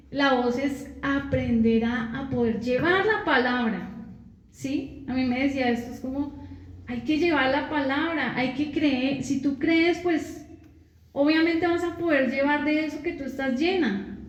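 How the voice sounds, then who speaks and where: A woman preaching a sermon, slow and repetitive, often asking the listeners to answer. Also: high-pitched, roomy sound, dull audio. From Colombia. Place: church.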